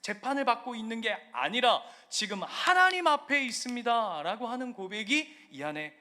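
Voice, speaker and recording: Animated Korean pastor preaching. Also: male voice, very high voice, moderate pace. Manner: animated preaching, swings from loud emphasis to quiet storytelling. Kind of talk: sermon.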